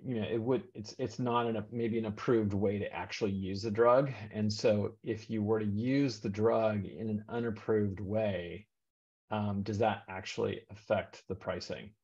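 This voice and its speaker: A man's voice: on the low side, fairly even intonation, normal speed, darkish tone. A man speaking on a video call, rambling with many fillers and restarts. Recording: dull lo-fi call audio.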